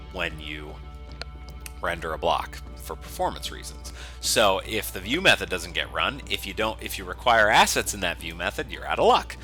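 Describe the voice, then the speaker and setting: A software developer walks through a coding tutorial, explaining each step in a casual, methodical way, like an unscripted screencast. His voice is deep, pushed and bright.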